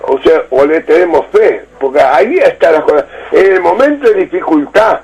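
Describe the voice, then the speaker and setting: A man's voice: a little high, expressive, moderate pace, a little mellow, slightly rough, rough recording. A man with a Uruguayan Spanish accent preaching fervently on a radio program while he has the flu. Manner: fervent, emotional, breaks into song. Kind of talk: radio sermon.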